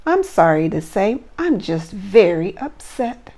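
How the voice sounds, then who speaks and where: Woman reader as old jolly Santa, worried and flustered, slow storybook delivery with lively swings. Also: mid-range voice, heavily acted. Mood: worried, upset. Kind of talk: children's storybook read-aloud.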